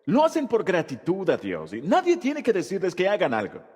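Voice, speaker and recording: A man's voice: high voice, wildly swooping pitch, a little fast, darkish tone, breathy edge, long reverb tail. A man delivering a sermon in an emphatic preaching style, often posing rhetorical questions to the listeners. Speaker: Spanish voice-over of a pastor's sermon.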